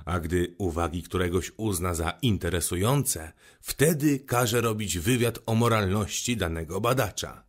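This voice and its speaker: A man voicing a pompous old geographer who lectures slowly and self-importantly. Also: sits low, animated. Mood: lecturing.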